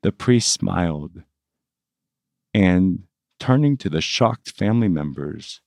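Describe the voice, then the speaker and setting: A man, a priest, narrating a scripted family story in a measured, reverent way. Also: low-pitched, lively intonation, creaky, darkish tone, dry recording, clean studio sound.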